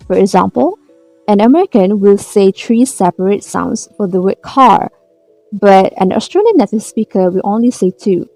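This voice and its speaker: Mellow-voiced woman reading a class presentation. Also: mid-range voice, no echo. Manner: reads a prepared script carefully. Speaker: student presenter. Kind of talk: read-aloud class presentation.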